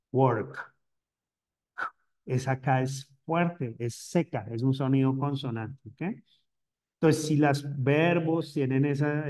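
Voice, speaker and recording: Young man, bilingual English teacher, repeats each rule in both languages, slows down for examples, mid-pitched voice. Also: a little mellow. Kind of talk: bilingual grammar lesson.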